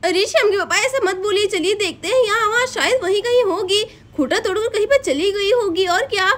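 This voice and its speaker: A distraught young village wife, as a woman puts her on in a cartoon story. She sounds very high and pleads through tears over and over. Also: fairly quick, fairly bright tone. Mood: pleading. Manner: pleading, tearful.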